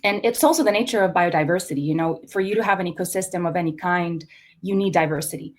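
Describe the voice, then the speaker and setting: A young adult woman from Costa Rica, an artist guest in an interview, speaking thoughtfully with many pauses and fillers. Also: fairly low pitch. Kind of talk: conversational interview.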